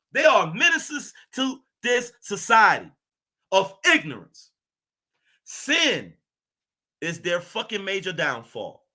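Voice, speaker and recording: A man with a high, forceful voice rants angrily straight at his listeners, swearing freely and hammering the same phrases over and over. His tone stays confrontational and tense. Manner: ranting, profane, confrontational, repeats phrases. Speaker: channel host. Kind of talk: angry monologue to camera.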